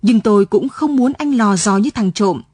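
A woman voicing a stern old village widow who scolds quietly but cuttingly. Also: medium pitch, lively intonation, moderate pace, husky, no echo. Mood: cold scolding.

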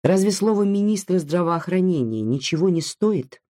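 A reader voicing a firm, measured male doctor, recorded dry and close. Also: mid-range voice, expressive, mellow, no room sound, voice pushed up, natural voice.

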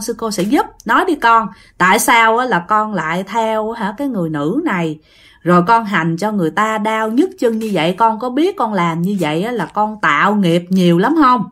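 Woman voicing a calm nun, gentle and coaxing, Southern Vietnamese accent, in a ghost story. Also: mid-range voice, normal speed, lightly acted. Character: calm Buddhist nun questioning a spirit.

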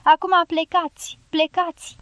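Storybook role: a wounded, commanding soldier, voiced by a woman reader, high-pitched and dry. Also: flat delivery, fairly bright tone, no echo. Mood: urgent. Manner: measured, firm commands. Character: American male dynamiter, wounded, calm and commanding.

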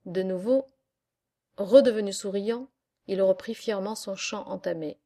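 A woman narrates a classic story at an unhurried, deliberate pace. Her voice is mellow and dark-toned, steady through the reading. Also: mid-range voice. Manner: slow, measured reading. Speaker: audiobook reader. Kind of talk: literary audiobook narration.

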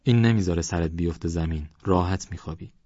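A man voicing a calm, reassuring young man. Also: sits low, no room sound. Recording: dry, slightly dull recording.

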